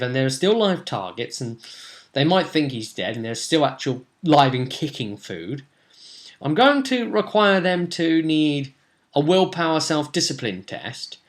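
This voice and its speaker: Speaking casually to the camera from a small room at home, a young man who serves as game master recaps a tabletop role-play session with dramatic emphasis, rambling as he goes. His voice sits at an average male pitch with a slightly bright quality.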